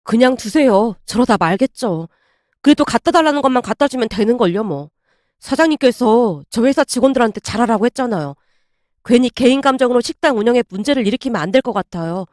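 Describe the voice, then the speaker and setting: A woman's voice: a little high, lively intonation, fast talker, darkish tone, no room sound, clean studio sound, close to an everyday voice. A woman reading the part of a patient male restaurant manager who stays polite and firm, in a story narration. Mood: restrained.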